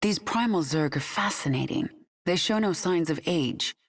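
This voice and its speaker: With music clearly audible behind her, a woman with a lowish, animated voice speaks at normal speed, acting in a video game cinematic. She plays a vengeful, defiant queen of an alien swarm, commanding, sardonic and resolute, with a watchful mood.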